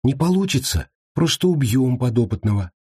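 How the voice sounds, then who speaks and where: A cool, ruthless priestess from a storybook, laying out her plans in a calm, matter-of-fact tone, as a male narrator puts her on. Her voice sits higher than the reader's own and carries a husky grain. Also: moderate pace, no room sound, studio quality. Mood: calm, cold. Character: calm, cruel woman priestess.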